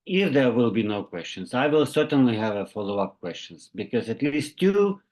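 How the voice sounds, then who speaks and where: A man in his forties hosts the questions on a video call, pausing often and filling the gaps with small hesitations. He speaks from a room at home through his laptop webcam. His voice sits at an ordinary male pitch. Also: big pitch swings, a little mellow. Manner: halting, with many fillers. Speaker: webinar moderator. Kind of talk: moderating questions. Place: home room with bookshelves, indoors.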